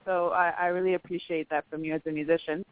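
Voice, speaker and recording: Over a tinny, dry phone line, a host with a smooth, fast, mid-range voice and level tone reads an intro and puts questions to a guest. The casual interview is marked by hesitation, with many fillers and restarts.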